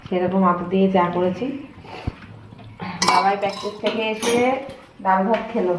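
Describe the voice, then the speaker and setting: A woman's voice: medium pitch, fairly even intonation, normal speed. Bengali woman with a cold in an echoey kitchen. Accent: West Bengal Bengali. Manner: chatty, addressing viewers as friends. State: has a bad cold, runny nose. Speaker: homemaker vlogger. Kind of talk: casual vlog monologue to viewers. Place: kitchen while making tea. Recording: very echoey room with clear noise.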